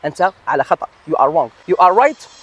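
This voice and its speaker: Lively man teaching pronunciation. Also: high voice, breathy edge. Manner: switches between dialect and slow, over-articulated English examples. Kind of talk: casual video lesson.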